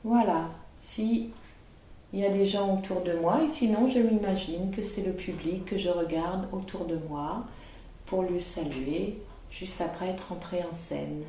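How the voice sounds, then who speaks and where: A woman teaching an online acting lesson in a calm, instructive way, with over-articulated diction drills. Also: lowish voice, measured pace, roomy sound, a little hiss or hum. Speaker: drama teacher.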